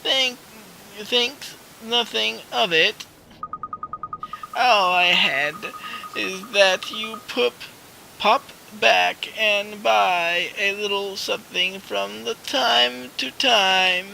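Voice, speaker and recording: A man voicing a kindly old woman shopkeeper in a video game, reading her lines in a raised pitch and stumbling over words. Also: very slow, vocal fry, sharp tone, a little hiss or hum, heavily acted, rough recording. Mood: affectionate.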